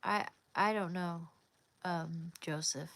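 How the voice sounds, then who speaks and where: With no room sound, a fairly low, fairly bright voice speaks slowly and in a steady tone. She's a woman from Oregon, USA, hosting a casual livestream, reading comments and easily answering viewers by name.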